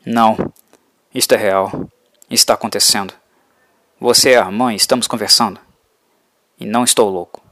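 A man's voice: on the low side, fairly even intonation, moderate pace, pauses often, fairly bright tone, no echo. A man voicing a desperate young mortal man who pleads urgently. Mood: pleading.

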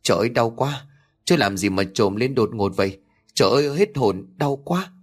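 A man's voice: mid-range voice, animated, moderate pace, husky. A man voicing a cheeky young male truck driver who teases and complains. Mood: pained. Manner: teasing, whiny.

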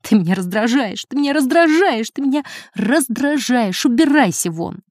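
A woman reading as a furious rich wife who scolds her husband in a shrill, scolding voice. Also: animated, normal speed, a little mellow, no echo, studio quality, natural voice. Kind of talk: audiobook character reading.

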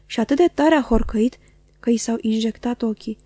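A woman's voice: fairly high pitch, husky, no echo. Woman reading a novel aloud. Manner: measured, even reading. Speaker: audiobook reader. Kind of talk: scripted literary narration.

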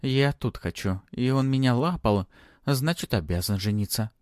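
A man voicing a capricious young woman who loudly demands to be married. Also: normal speed, no room sound, studio quality, lightly acted. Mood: demanding. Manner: shrill, demanding.

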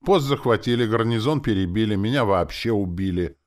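A man's voice: lowish voice, very animated, normal speed, pitched above the performer's own voice. A man voicing a dry, businesslike zombie garrison chief in an audiobook. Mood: matter-of-fact. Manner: curt and businesslike.

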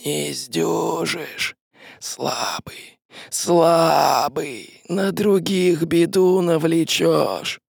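A man voicing a shadowy house spirit that speaks in a slow, hushed hiss. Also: on the high side, gravelly, husky, dry recording, clean studio sound, voice pushed up, exaggerated voice. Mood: menacing.

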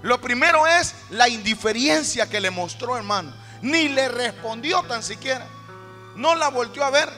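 A man's voice: very high-pitched, expressive, moderate pace, pushed and bright. A man preaching a sermon as pastor, repeating phrases with rising fervor. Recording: echoey hall with music behind.

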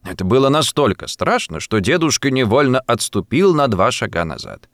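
A man's voice: medium pitch, big pitch swings, normal speed, no echo, clean studio sound. A man narrating a literary story as an audiobook, reading expressively and dramatically.

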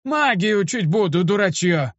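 A man voicing a grumpy old male mage with a creaky, gruff voice, in a dull, dry lo-fi recording. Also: high-pitched, animated, moderate pace, no echo, pitched above the performer's own voice. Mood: scolding. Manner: gruff, scolding.

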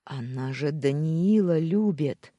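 A man's voice: fairly high pitch, takes it slowly, no echo, muffled recording. A man voicing a desperate, raging young man. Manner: shouting, pleading, snarling.

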